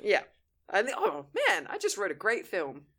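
A woman from England co-hosting a casual podcast chat, quick and giggly, acting out little quoted lines as she riffs. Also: medium pitch. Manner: quick, giggly, animated storytelling with voiced quotes. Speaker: podcast co-host.

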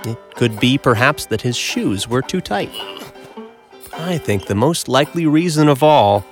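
A man reading a rhyming storybook aloud in an expressive, sing-song way, drawing out playful repetitions. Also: mid-range voice, a little slow. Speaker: storybook narrator. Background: background music with jingle bells.

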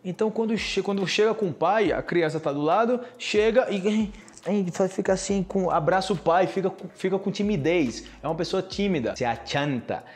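Brazilian man teaching, slightly high voice. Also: moderate pace. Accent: Brazilian Portuguese. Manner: lively, explains with many repeated examples. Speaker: Portuguese teacher. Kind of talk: casual podcast lesson.

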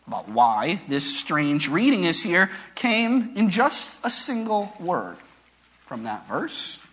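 Pastor, male, husky tone, lively pitch, unhurried conversational sermon delivery. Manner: conversational, reflective preaching with rhetorical questions.

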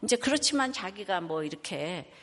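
A woman's voice: medium pitch, expressive, moderate pace, fairly bright tone, breathy edge. Older woman pastor preaching in a reverberant hall. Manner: chatty storytelling, asks the congregation questions. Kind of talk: sermon. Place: church sanctuary.

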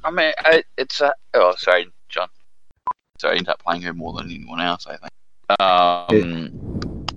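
A man's voice: low voice, unhurried, fairly bright tone, muffled recording. A man chatting casually as a panellist, on a noisy recording with clicks. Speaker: podcast panellist. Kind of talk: casual chat. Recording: clearly noisy line with clicks.

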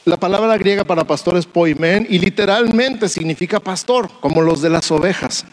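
A man's voice: high voice, normal speed, low-quality recording. A man preaching a sermon to pastors, repeating refrains and putting rhetorical questions to his listeners.

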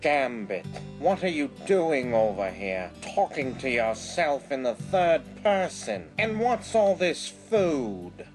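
A woman's voice: rumbling low, big pitch swings, music in the background, full character voice. A woman voicing a cranky, pompous old male headmaster in a comedy skit, talking in a haughty, indignant way. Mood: disapproving. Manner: haughty, indignant, very slow and deliberate.

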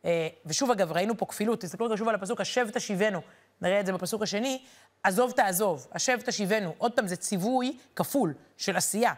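A woman teaching a weekly Torah portion lesson, talking to listeners in a lively, rhetorical way and stressing the verses she quotes. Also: mid-range voice.

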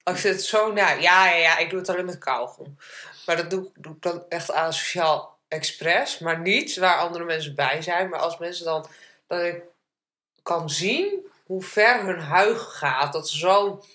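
A woman co-hosting a casual podcast, cracking jokes and bantering quickly. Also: lowish voice, sharp tone, roomy sound. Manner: joking and quick-witted. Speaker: podcast co-host.

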